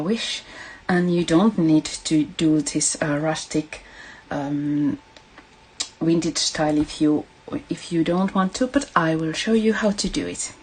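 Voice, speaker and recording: A woman with a Finnish accent leads a casual craft livestream in a low-pitched voice. She talks very slowly and gently, pausing and hesitating as she addresses her viewers. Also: slightly rough, poor audio. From Finland. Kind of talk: casual live craft tutorial.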